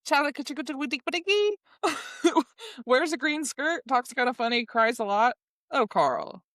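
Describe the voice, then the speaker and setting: A woman's voice: high-pitched, sing-song, slow pace, a bit bright, dry recording, studio quality, pitched above the performer's own voice, heavily acted. A woman voicing a flirty, jealous and unstable woman character in a sing-song teasing read.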